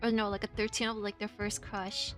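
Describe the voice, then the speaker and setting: A woman's voice: medium pitch, level tone, fairly quick, fairly bright tone, soft background music. A woman livestreamer giving casual, playful, teasing commentary on a game.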